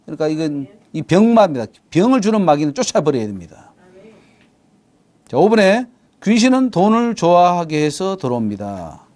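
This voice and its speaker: A man preaching a sermon as a pastor, animated and swinging from loud to hushed. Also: fairly high pitch, moderate pace.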